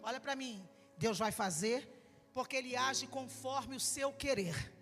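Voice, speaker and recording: A middle-aged woman with a Brazilian accent preaching a fervent sermon with personal testimony, building up to shouts. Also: high voice, unhurried. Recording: echoey hall with faint music.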